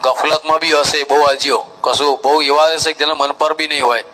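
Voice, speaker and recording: Bright-voiced Gujarati man giving instructions. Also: a little high, fairly even intonation, a little fast, rough recording. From India. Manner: instructive, step-by-step, mimics crowds. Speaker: Hajj trainer. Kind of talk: live training talk.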